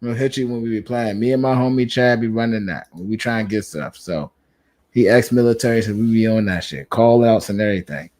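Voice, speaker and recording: A man hosting a casual gaming chat, slangy and animated as he tells stories. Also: lowish voice, brisk.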